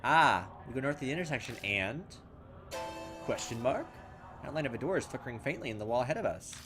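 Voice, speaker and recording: In an animated, quick, mid-range voice over background music, a let's play gamer narrates a horror game by reading its text aloud. He thinks out loud, gets turned around, and teases himself over his own mistakes.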